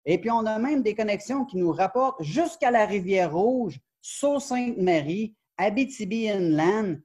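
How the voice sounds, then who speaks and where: A man in his forties with a Quebec French accent speaks over a webcam from a sunroom. His voice is mellow and slightly husky, a bit high for a man, and he talks animatedly with frequent fillers and self-corrections as he explains his research. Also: measured pace. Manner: animated, gestures a lot, many fillers and restarts. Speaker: professor and book author, guest. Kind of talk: academic interview over video call. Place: glass-walled sunroom indoors. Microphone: video call webcam.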